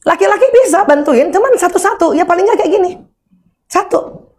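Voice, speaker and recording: A middle-aged woman delivers a religious lecture on parenting and marriage in a very high voice, speaking fairly quickly. She's animated and funny, acting out everyday examples.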